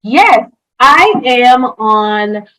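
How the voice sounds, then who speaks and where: An HR consultant of Haitian family, who grew up with French and Creole and speaks French as her first language, is the guest in a casual interview chat. She's enthusiastic, with many fillers and restarts. Her fairly high, animated voice draws out words and has a fairly bright tone, over poor audio.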